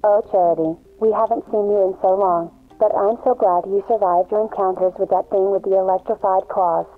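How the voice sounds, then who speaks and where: A man in a high falsetto voicing a fussy, doting mother. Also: steady tone, a little fast, natural voice. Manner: high falsetto, sweet and fussing. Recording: tinny lo-fi tape with music.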